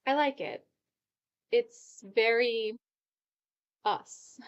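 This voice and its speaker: An actress playing a woman who is calmly letting go of a love, in a measured, resigned way. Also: fairly high pitch, clean tone, lo-fi sound. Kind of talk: stage play performed over video call.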